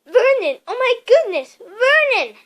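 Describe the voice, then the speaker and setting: A fretful, frightened aunt whose voice quivers with panic, as a woman reading aloud puts her on. High, loud and jumpy, lurching up and down. A storybook voice. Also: huge pitch swings, slow pace, full character voice. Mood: shocked.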